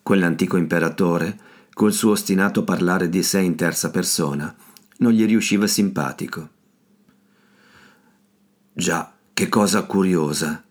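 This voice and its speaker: A man narrating an audiobook in a measured, steady way. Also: deep voice. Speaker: audiobook reader. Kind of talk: scripted narration.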